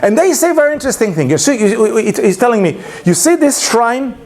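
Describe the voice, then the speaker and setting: Speaking in a very high-pitched voice at a fairly quick pace, a man tells a story in an informal lunchtime lecture. He hesitates and restarts a lot, speaks English as a non-native, and keeps the storytelling animated with laughter.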